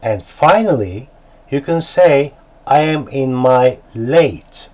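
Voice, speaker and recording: A man with a Turkish accent teaching beginner English, slow and deliberate, spelling words out letter by letter. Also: mid-range voice, animated, a little mellow, low-quality recording.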